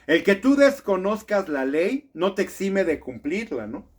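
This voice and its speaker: Male commentator, indignant monologue, slightly higher voice, rhetorical questions. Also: big pitch swings, a little slow. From Mexico. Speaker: political commentator.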